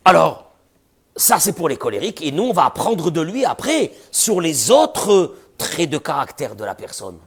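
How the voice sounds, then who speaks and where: This rabbi's voice sits fairly high with a breathy edge, moving at a moderate pace as he teaches a class. He animatedly impersonates the people he talks about and throws rhetorical questions at his audience.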